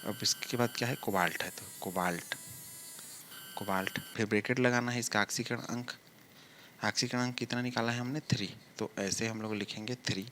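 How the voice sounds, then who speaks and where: A man's voice: medium pitch, steady tone, a bit bright, a little hiss or hum. A man teaching a chemistry lesson step by step, asking questions and answering them himself, drawing words out as he writes. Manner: drawls words out slowly while writing. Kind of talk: blackboard lesson explaining step by step.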